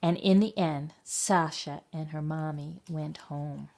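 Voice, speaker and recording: A woman reads a picture book aloud to young children in a slow, expressive storytime voice. Her tone is low and a little gravelly. Every line is drawn out carefully. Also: a little hiss or hum. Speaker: librarian reading to children.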